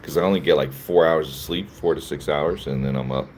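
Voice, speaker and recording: A man with a very low, deep voice riffs through a casual live stream, answering chat and laughing between his jokes. He sounds sleepy and loose, with a faint hiss of noise under him. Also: a little fast. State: sleepy, yawning. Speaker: livestream host reading chat.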